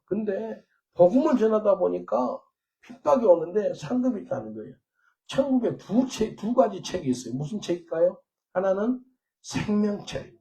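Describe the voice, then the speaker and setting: A gravelly, high-sitting male voice belongs to a pastor giving a sermon mixed with personal testimony. He tells stories animatedly, swinging between loud and quiet, and switches into simple English for quoted prayers and dialogue.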